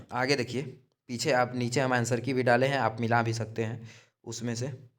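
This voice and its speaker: A man's voice: medium pitch, level tone, moderate pace. Man walking through quiz answers. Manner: repetitive, checks in with "theek hai"; restarts and self-corrections mid-word. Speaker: exam-prep teacher.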